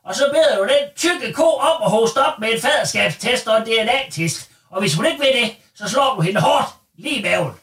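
A man's voice: very high-pitched, lively intonation, few pauses, fairly bright tone, far from the mic, heavily acted. A man playing a crude, foul-mouthed, bossy mother in a comedy radio sketch, swearing and insulting. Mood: spiteful. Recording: roomy echo, off-mic.

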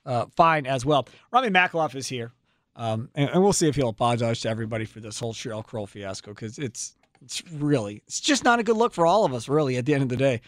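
A man's voice: medium pitch, no room sound. A man hosting casual sports radio on a studio microphone, with a blunt, teasing way of talking. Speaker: radio show host.

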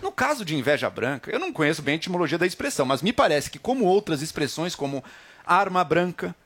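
A man's voice: fairly high pitch, very animated, fast, fairly bright tone. A man arguing his point as a panelist in a heated debate, insistent and lecturing.

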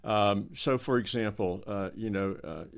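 A man in a roundtable discussion who speaks in a slow, halting way with many restarts. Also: on the low side, vocal fry. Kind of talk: casual roundtable talk.

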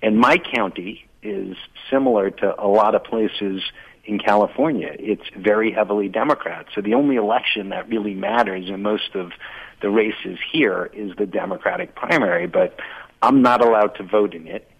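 American guy guest on a radio interview, low husky voice, explaining his views, kinda muffled audio. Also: normal speed. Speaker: interview guest, author and former political candidate.

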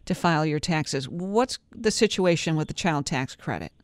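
A woman's voice: low voice, lively intonation, normal speed, no echo. A woman hosting a live radio news interview, asking questions into a studio microphone.

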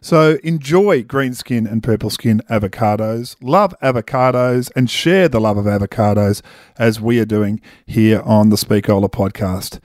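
A man's voice: on the low side, normal speed, darkish tone. A man hosting a podcast, asking conversational interview questions. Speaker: podcast host.

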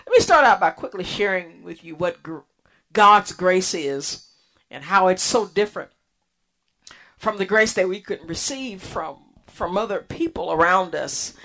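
Woman, radio minister, sermon, slow deliberate delivery, earnest. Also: on the low side, fairly bright tone. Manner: slow, earnest preaching with restarts and pauses.

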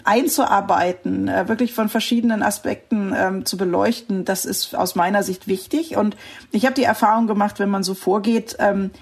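A middle-aged woman from the Rhineland in Germany answers interview questions thoughtfully, often searching for words and laughing easily. She's the guest in a reflective conversational interview, and her medium-pitched voice is creaky and husky.

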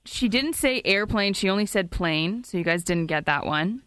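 Wry female radio co-host reading out scores and prizes, bright and crisp. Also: medium pitch, expressive, normal speed, no echo, soft background music. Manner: matter-of-fact, wry. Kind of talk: casual radio banter.

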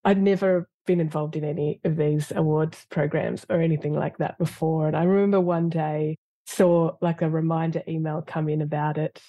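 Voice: mid-range voice, little pitch movement, normal speed, dark tone, no room sound. A government lawyer, a guest in an interview, answering in a reflective and earnest way with frequent fillers.

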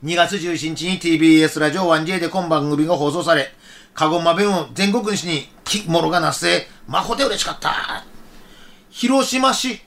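A man's voice: a little high, normal speed, fairly bright tone. Chuckling man with Kagoshima dialect. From Kagoshima, Japan. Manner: chuckling, playful, reads mail aloud. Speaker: radio host. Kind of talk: casual radio chat reading listener mail.

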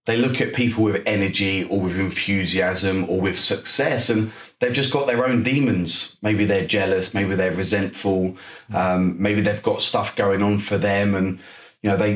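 Man, Essex accent, lowish pitch, energetic interview guest, roomy echo. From Essex, England. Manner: enthusiastic, energetic. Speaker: interview guest, property coach. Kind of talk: conversational interview answers.

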